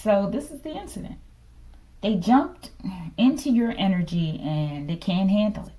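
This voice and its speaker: A woman's voice: mid-range voice, lively intonation, normal speed, mellow. A woman giving a casual tarot reading, speaking bluntly and dramatically and checking in with her listeners. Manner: emphatic, keeps checking in with listeners. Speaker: tarot reader.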